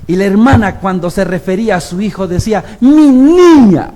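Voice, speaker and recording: A man's voice: high voice, fairly even intonation, fairly quick, a little mellow. A man preaching a sermon, telling stories animatedly, acting out the people he quotes and putting rhetorical questions to the congregation. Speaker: lay preacher.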